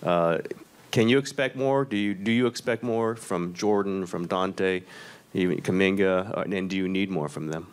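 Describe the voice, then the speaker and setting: A man's voice: low-pitched, normal speed, clear, resonant tone. A man, a sports reporter asking long, rambling multi-part questions at a press conference.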